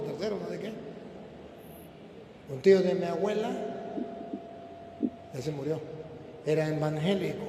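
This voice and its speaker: Priest preaching in an echoey hall. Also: male voice, on the high side. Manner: emphatic, rhetorical questions put to the crowd. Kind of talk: preaching to a live audience. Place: large hall before an audience. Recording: echoey hall with loud background noise.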